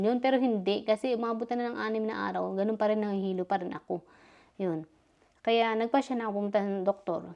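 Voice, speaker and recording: A woman's voice: medium pitch, creaky, a little mellow. A middle-aged woman, still a bit dizzy, chatting through a personal story and acting out the dialogue. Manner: chatty, retelling dialogue, frequent fillers. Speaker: vlogger. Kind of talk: casual storytelling vlog.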